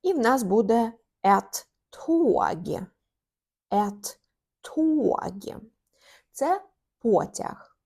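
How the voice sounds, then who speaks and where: Slow-paced woman teaching pronunciation. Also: fairly high pitch, big pitch swings, darkish tone, breathy edge. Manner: slow, drawn-out demonstration of sounds; repeats each letter and word several times. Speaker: language teacher. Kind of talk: online language lesson.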